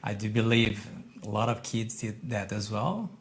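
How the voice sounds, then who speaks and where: A middle-aged man from Brazil, a podcast guest talking about his entrepreneurial past in halting, with frequent restarts. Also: fairly low pitch, slight background noise. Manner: non-native English, halting restarts, lively emphasis. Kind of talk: conversational interview.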